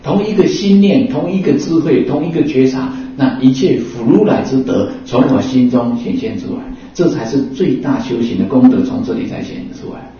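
A man preaches Buddhist teaching in a casual, chatty way, dropping in fillers and little acted-out exchanges. His voice is soft and mellow. He sits away from a dull mic in a very echoey hall. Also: mid-range voice, expressive, normal speed, few pauses. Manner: conversational, acts out little dialogues, many fillers like 啊 and 哦. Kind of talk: sermon. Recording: roomy echo from a distant, dull mic.

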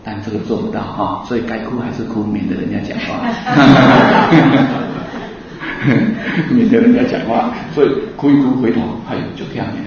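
A man giving a Buddhist dharma talk to an audience, asking them lively rhetorical questions and laughing in between. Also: lowish voice, quick pace, creaky, hardly any pauses, heavy background noise. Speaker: Buddhist teacher. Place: hall with an audience. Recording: echoey hall, distant mic, dull sound.

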